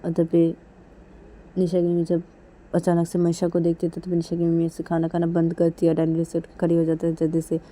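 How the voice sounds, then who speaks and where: A woman's voice: lowish voice, completely flat delivery, brisk, warm tone. A woman narrating a love story in a plain, casual, repetitive way.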